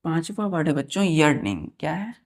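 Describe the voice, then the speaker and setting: A woman teaching a vocabulary lesson, slowly spelling words out letter by letter and often asking her students whether it is clear. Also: low-pitched, sing-song. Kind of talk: classroom lesson.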